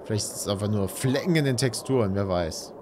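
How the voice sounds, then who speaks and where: A man's voice: on the low side, animated, a little fast. A man in his thirties giving casual, musing game commentary, muttering to himself as a let's player. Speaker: let's player, gaming streamer. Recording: loud ambient game noise behind voice. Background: horror game ambience.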